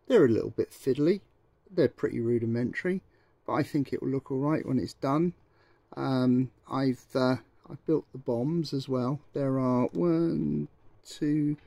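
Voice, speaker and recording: A man's voice: on the high side, darkish tone, no echo. A man in his sixties chatting casually and hesitantly as he builds scale models in his hobby room. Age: 60s. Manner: rambling, hesitant, full of ums and restarts.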